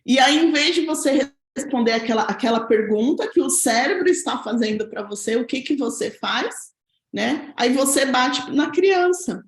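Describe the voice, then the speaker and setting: A woman's voice: sits high, animated, moderate pace, echoey room. A woman teaching a parenting lesson from home, explaining step by step and often checking in with tag questions. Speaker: parenting educator. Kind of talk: talking-head parenting lesson.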